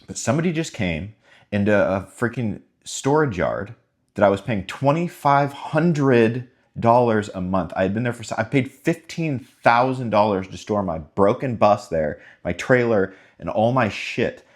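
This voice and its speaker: A man's voice: fairly low pitch, expressive, measured pace. A man vlogging casually about his life, talking in a rambling, frustrated way. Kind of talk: casual self-filmed vlog.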